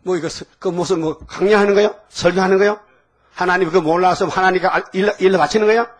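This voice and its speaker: A man's voice: high voice, fairly even intonation, fast. An older man preaching a sermon to his congregation in a folksy, teasing way, often tossing questions back to the listeners. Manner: folksy, call-and-response, asking the congregation "응?". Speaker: pastor.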